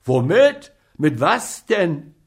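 A man voicing a furious, blustering older male pharmacist in a storybook reading, loud and outraged. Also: on the high side, takes it slowly.

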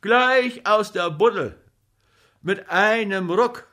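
A man doing an excitable boozy comic actor. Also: slow, exaggerated voice. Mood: fussing. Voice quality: loud, excitable, high-pitched. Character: agitated boozy male comic actor, fussing friend.

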